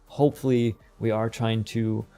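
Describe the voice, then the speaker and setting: A man's voice: fairly low pitch, little pitch movement, mellow, soft background music. A middle-aged man teaching game development in a casual, rambling way, often stopping and restarting his sentences. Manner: rambling, quick, self-interrupting. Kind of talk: casual screen-recorded tutorial.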